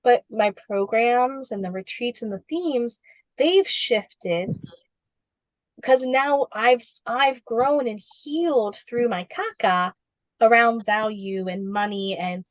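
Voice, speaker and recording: Taking it slowly, a woman with a slightly high voice speaks on a low-quality, echo-free recording. She's a spiritual business coach in a casual interview, animated and full of fillers, especially "like," with playful asides in quoted voices.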